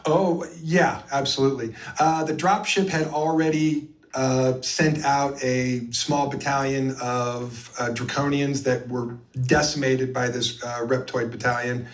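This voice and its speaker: A man's voice: mid-range voice, steady tone, a little slow, hardly any pauses, far from the mic. A man being interviewed, recounting his experiences earnestly and with emphasis, with frequent fillers. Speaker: interview guest.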